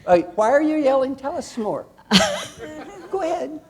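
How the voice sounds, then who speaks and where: A man's voice: very high-pitched, unhurried, a faint crowd. An older man leading a workshop, teasing the audience, asking them questions and acting out quotes. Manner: animated, teasing, quizzes the audience and acts out quotes. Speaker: leadership coach leading a workshop. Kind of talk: interactive seminar talk to an audience.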